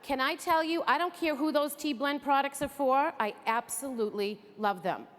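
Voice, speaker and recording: In an echoey hall, a woman from around Greater Boston presents a lively, chatty training talk from the stage. Her voice is high-pitched and moderately paced.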